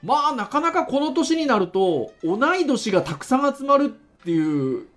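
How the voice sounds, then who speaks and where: A man's voice: very high voice, sing-song, normal speed, fairly bright tone, soft background music. A man in his early fifties co-hosting a podcast chat in very formal, ultra-polite Japanese. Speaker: podcast co-host.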